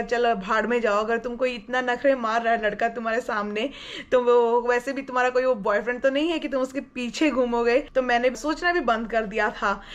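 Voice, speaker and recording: A young woman from India with a somewhat high voice tells a personal story in a loose, chatty way. She drifts between languages mid-sentence and keeps a relaxed, conversational flow. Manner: chatty, mixes in English phrases. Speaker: vlogger telling her love story. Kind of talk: casual storytelling.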